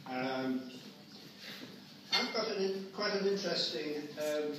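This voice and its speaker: In a big, echoing hall full of people at a memorial, an older man speaks informally for the family, hesitating and straying into asides without a script. His voice is on the high side and animated, captured from a distance with obvious background noise.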